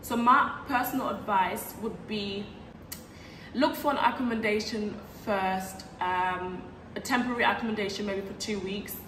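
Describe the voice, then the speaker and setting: A young woman from Ghana giving casual advice in a vlog, chatty, with frequent "um" fillers, filmed on a sofa in a bright living room by a camera set back from her. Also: medium pitch, normal speed. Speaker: vlogger. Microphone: fixed camera at a distance. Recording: roomy, distant mic with background hiss.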